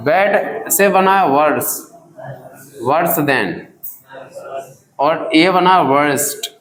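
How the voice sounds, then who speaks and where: Guy teacher in a class, keeps asking the kids the same question, kinda high voice, roomy sound. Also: extremely slow, a bit bright. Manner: drills students with repeated questions; addresses students as children. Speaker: English grammar teacher. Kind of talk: classroom lesson. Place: classroom with students.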